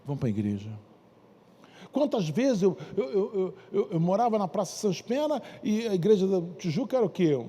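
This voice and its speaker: Man, Carioca accent, church sermon, high husky voice, dramatic storyteller. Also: lively intonation, a little fast, few pauses, big-room sound. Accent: Carioca Portuguese. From Brazil. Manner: dramatic storytelling, acting out characters' shouts and soft pleas. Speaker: bishop preaching.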